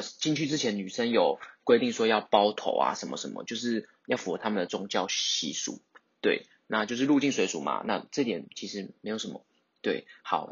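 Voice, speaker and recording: A man's voice: on the low side, breathy edge, highs cut off. Rambling man telling a story. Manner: rambling, many fillers and self-corrections. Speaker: podcast host. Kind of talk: casual storytelling monologue.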